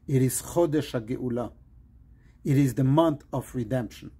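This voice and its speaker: A man from Morocco, a rabbi, giving an earnest pre-Shabbat sermon in short, measured phrases. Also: medium pitch, mellow, breathy edge.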